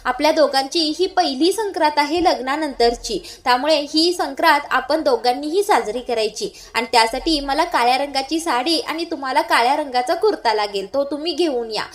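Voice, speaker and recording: A woman's voice: sits high, normal speed, hardly any pauses, natural voice. A woman reading the lines of a determined young wife in a TV serial, speaking insistently.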